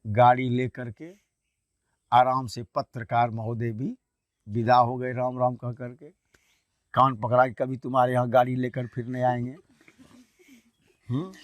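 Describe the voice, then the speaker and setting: A man teaching a class, retelling a textbook story in a colloquial way and repeatedly asking quick questions that he answers himself. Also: mid-range voice, flat delivery, no room sound, highs cut off. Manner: poses quiz questions and answers them himself.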